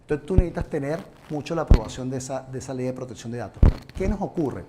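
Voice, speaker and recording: A Venezuelan man with a mid-range voice speaks fast and expressively, giving a seminar talk to a live audience. As a conference presenter, he earnestly offers them advice directly. The recording was made in a noisy room.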